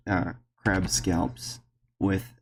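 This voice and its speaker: A man's voice: deep voice, flat delivery, very slow, a little hiss or hum. Chatty male streamer thinking aloud. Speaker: streamer and game developer. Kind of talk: casual gameplay commentary. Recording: game music playing behind.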